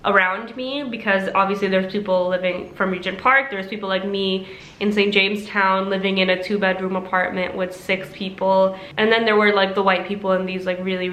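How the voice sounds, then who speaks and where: A woman's voice: mid-range voice, steady tone, moderate pace, fairly bright tone, roomy sound, muffled recording. A young woman from Toronto, talking casually to camera in a chatty way, full of asides. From Pakistan-born, raised in Toronto. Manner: chatty, lots of likes and asides. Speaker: vlogger.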